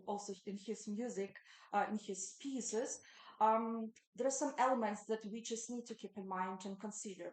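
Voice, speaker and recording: A woman in her thirties from Ukraine, giving an academic conference talk in a halting way, full of ums and uhs. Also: mid-range voice, darkish tone, roomy sound, low-quality recording. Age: 30s. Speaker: conference presenter.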